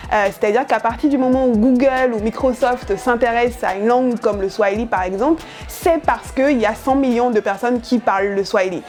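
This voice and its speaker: A young woman whose first language is Yoruba speaks in a voice on the high side with a darkish tone. A journalist and editorial project lead, she talks earnestly and thoughtfully about her work, with frequent hesitant fillers.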